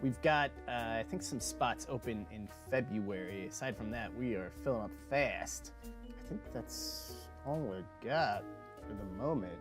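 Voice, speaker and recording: Animated, rambling stream host, man. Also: medium pitch, a little slow, over music. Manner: loose, rambling, with many fillers and self-corrections. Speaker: host of a live-streamed tabletop game show. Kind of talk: casual chat and sponsor reads.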